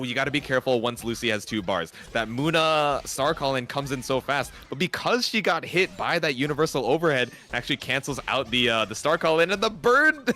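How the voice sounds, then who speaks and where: A man giving analytical, excitable play-by-play commentary on a fighting game tournament, full of gamer slang. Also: fairly high pitch. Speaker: esports commentator.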